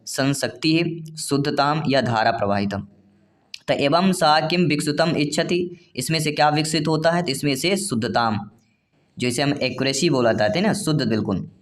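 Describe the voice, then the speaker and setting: A male coaching teacher giving an online exam-prep lesson, reading each question slowly, then explaining it plainly and calling viewers dear friends. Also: on the high side.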